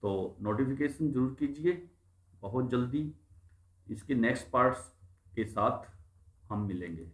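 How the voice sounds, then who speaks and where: In an echoey room, a man with a mid-range voice takes his time teaching English pronunciation in Hindi, leaving long pauses. He spells out words letter by letter, then explains what they mean.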